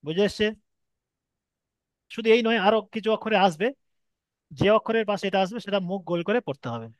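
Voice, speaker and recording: A man's voice: sits high, animated, brisk, dry recording. A man with a Bengali accent teaching Arabic letter reading, patiently explaining step by step and stretching sounds to demonstrate. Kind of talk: online Quran reading lesson.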